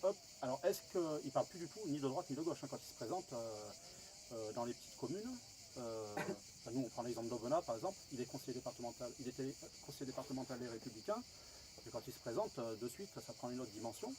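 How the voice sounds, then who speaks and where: A man's voice: medium pitch, expressive, fast talker. French guy interviewing, lots of euh and restarts, noisy outdoor ambience behind. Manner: hesitant, many fillers and false starts. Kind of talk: interview questions, conversational.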